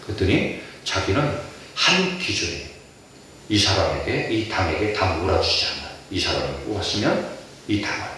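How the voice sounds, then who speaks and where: Middle-aged male pastor from Chungcheong, lively swinging delivery, heard from a distance in a very reverberant church. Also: mid-range voice. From Chungcheong, Korea. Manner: animated, poses rhetorical questions to the congregation. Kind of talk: sermon. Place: church sanctuary. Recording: echoey church hall, distant mic.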